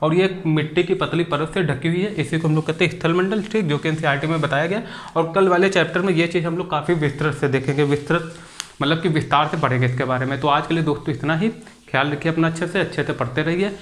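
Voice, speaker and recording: Young man, somewhat high voice, exam-prep video lecture, rhetorical questions, repeats points. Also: quick pace. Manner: repetitive, asks students rhetorical questions, ends phrases with "ठीक". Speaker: exam coaching teacher.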